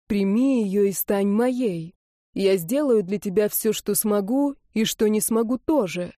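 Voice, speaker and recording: A woman voicing a drunk young man who tenderly and earnestly proposes marriage, read slowly in an audiobook. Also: mid-range voice, warm tone, no echo, clean studio sound, close to an everyday voice.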